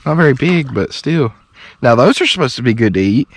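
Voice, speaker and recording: Excitable man narrating outdoors. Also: medium pitch, fairly quick, no room sound. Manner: excitable, talks to viewers as "boys". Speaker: fishing vlogger. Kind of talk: casual vlog commentary. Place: outdoors on a small boat and riverbank. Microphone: body-worn action camera.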